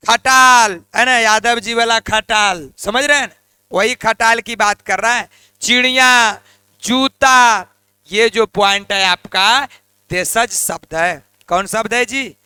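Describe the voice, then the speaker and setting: High, bright-voiced man teaching grammar. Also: smooth, no echo. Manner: repeats key terms and prompts students to say them back; colloquial, addresses viewers as lions and lionesses. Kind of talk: exam-prep grammar lesson.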